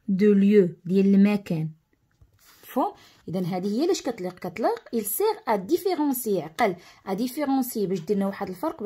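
A woman's voice: medium pitch, dark tone, slightly rough. A woman with a Moroccan accent explaining a French lesson to schoolchildren, mixing French terms into her Arabic and often checking that the class has understood. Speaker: teacher.

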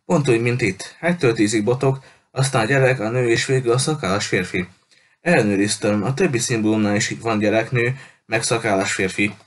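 A man's voice: medium pitch, recorded from a distance, natural voice. A man voicing a bold, clever young boy. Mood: explaining. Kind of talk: audiobook character voice.

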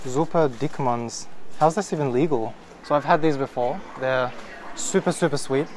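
A man's voice: mid-range voice, moderate pace, a little mellow, slight background noise, rough recording. Man talking through a face mask. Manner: chatty, curious, explaining as he browses. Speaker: vlogger. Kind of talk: casual walk-and-talk vlog. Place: indoors in a supermarket.

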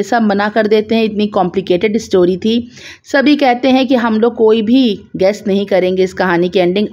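A woman narrating a conversational summary of a detective story, explaining each twist in a relaxed, chatty way with small asides. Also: mid-range voice.

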